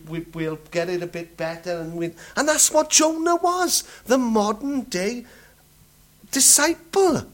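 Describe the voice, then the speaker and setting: Slow-paced male preacher, repeats himself, leans on rhetorical questions. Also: very high voice. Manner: restarts and stumbles over words. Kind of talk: sermon.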